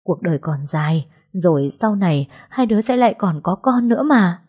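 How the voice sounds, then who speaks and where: A kind older aunt speaks softly and haltingly to comfort her niece, as a woman reads the part. The voice sits low and husky. It is a storybook scene read aloud. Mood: consoling. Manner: soothing, hesitant. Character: older aunt, gentle and consoling. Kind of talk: audiobook dialogue.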